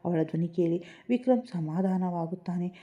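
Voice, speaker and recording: A woman narrating a love story in scripted, even, descriptive storytelling. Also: on the low side, moderate pace, lo-fi sound.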